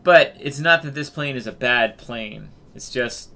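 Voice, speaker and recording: A man's voice: mid-range voice, a little slow, pushed and bright. A man hosting a flight-game video, giving casual, rambling commentary full of fillers and restarts. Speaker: gaming video host.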